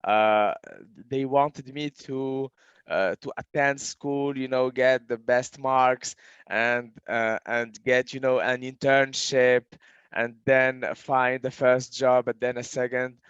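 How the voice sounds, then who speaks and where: A man in his thirties from Morocco speaks in a smooth, clear voice, halting often with fillers and false starts as he explains his work. The recording sounds dry and a little muffled. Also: mid-range voice, fairly even intonation, a bit bright, no room sound. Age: 30s. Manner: hesitant, many fillers and restarts. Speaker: guest entrepreneur. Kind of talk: casual interview answers.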